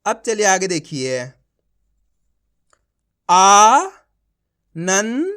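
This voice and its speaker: A man's voice: sits high, lively intonation, brisk, a bit bright. Man teaching reading, sounding out syllables. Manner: sounds out words syllable by syllable, then blends them; addresses viewers as friends, coaxing and encouraging. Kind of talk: online reading lesson.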